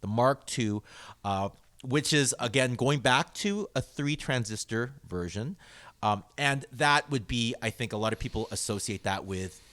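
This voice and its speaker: An animated male podcast host in a relaxed conversation about guitar gear. He talks with gushing enthusiasm, his pitch jumping up when something excites him, and breaks into laughter often. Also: measured pace. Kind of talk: casual gear chat.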